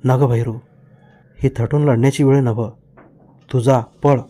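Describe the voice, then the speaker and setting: A man's voice: mid-range voice, steady tone, unhurried, dark tone, pitched below the performer's own voice, natural voice. A man voicing a bold village fighter who gives curt, urgent orders. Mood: urgent commanding.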